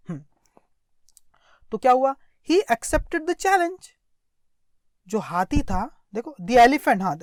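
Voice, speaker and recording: In clean, dry studio audio, a high-pitched woman with an Indian accent leads a translated story lesson as an English teacher. She explains each phrase and often repeats herself to confirm understanding.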